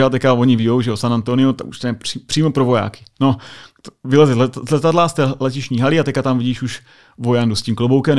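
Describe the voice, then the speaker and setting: A Czech man, a US Air Force sergeant, telling anecdotes in a casual interview, full of filler tags. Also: medium pitch. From Czech Republic.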